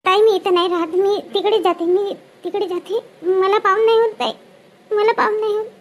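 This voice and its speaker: Brief: a woman playing a bossy village wedding guest, shrill high voice, clipped nagging questions. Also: steady tone. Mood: fussing. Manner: brisk, bossy, full of questioning "hm?" tags. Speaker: wedding guest in a comedy skit. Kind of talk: village comedy skit acting.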